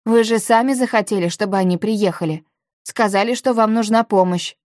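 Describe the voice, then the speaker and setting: A woman's voice: moderate pace, a little mellow, dry recording, clean studio sound, close to an everyday voice. A woman voicing a stubborn, defensive teenage girl in an audiobook, with insistent retorts. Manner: insistent, high-pitched retorts. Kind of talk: audiobook character voice.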